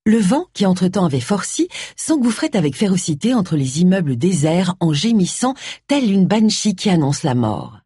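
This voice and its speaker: An audiobook narrator reads a detective novel in a husky voice with a lively, wide-ranging pitch. The delivery is expressive and varied. The recording is close and dry. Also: normal speed, dry recording.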